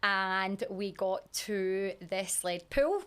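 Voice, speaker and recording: A Scottish woman co-hosting a podcast, telling a story in a casual, animated way and swearing freely. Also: mid-range voice, drawn-out words, clear, resonant tone. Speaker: podcast co-host. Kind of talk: casual chat.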